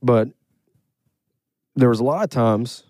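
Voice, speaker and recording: Mellow-voiced man hosting a podcast. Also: medium pitch, slow, dry recording. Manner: leads topics, asks questions. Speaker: podcast host. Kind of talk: casual chat.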